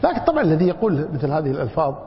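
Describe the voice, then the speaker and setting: A slightly high-voiced male religious scholar teaches a book in a classroom lesson on prayer, speaking rapid-fire with big pitch swings. He draws words out to demonstrate wrong pronunciations and tells anecdotes with a chuckle. The lo-fi recording is dull and reverberant, from a hall, with slight background noise.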